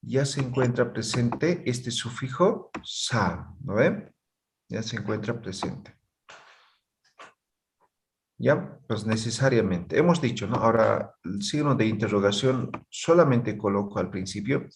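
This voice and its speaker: A man's voice: mid-range voice, expressive, a little slow, slight background noise. A man teaching a language class, explaining patiently and often checking that students follow. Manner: patient, checks understanding with frequent tag questions.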